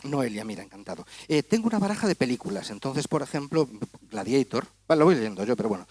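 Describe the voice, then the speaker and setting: A man's voice: mid-range voice, very animated, fast, a little mellow, slightly rough. A man doing comic stage patter as a magician, teasing and chatting with volunteers in front of a gala audience. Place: auditorium stage.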